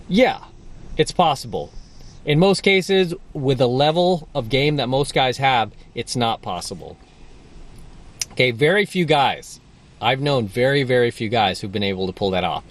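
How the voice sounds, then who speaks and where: Guy coaching on dating, blunt, emphatic, keeps repeating his points. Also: medium pitch. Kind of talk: monologue coaching video.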